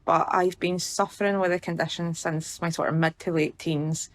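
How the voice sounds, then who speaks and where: A woman's voice: fairly low pitch, fairly even intonation, normal speed. A Scottish woman in her early thirties telling her own story informally as a podcast guest. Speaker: patient guest.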